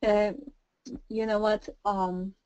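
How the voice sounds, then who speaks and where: A woman's voice: medium pitch, little pitch movement, slow pace, darkish tone, no room sound, lo-fi sound. A woman in her thirties from Poland with a Polish accent, a non-native speaker of English, chatting as a guest on a remote call in a friendly way. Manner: friendly, laughs easily, slightly non-native phrasing. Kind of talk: casual interview chat.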